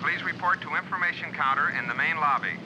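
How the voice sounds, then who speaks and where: Guy paging people over the loudspeakers, kinda high voice, lots of noise around. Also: fast, dull audio. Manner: crisp, repeated formal paging calls. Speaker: spaceport announcer.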